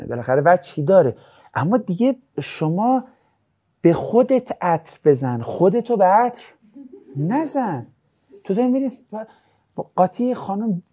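A man teaching a religious ethics class, lecturing casually and acting out anecdotes with jokes. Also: high voice. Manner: lively, jokey, acts out anecdotes.

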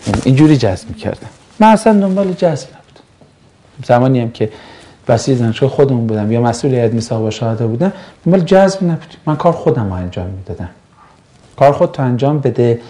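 A man from Mashhad working as a religious teacher, answering viewer questions in a casual live chat, animated and sarcastic. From Mashhad, Iran. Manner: animated and sarcastic, pitch jumping up and down.

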